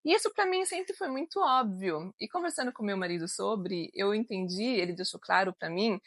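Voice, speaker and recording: A woman's voice: medium pitch, expressive, moderate pace, a bit bright, dry recording, clean studio sound. A woman who grew up in Germany with German as her native language, chatting casually as a teacher co-hosting an educational channel. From grew up in Germany, living in Brazil.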